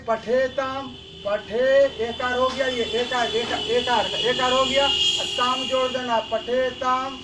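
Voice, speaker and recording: A male teacher giving a Sanskrit grammar lesson, slowly repeating each form for students to copy. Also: very high voice, fairly bright tone. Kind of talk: classroom lesson.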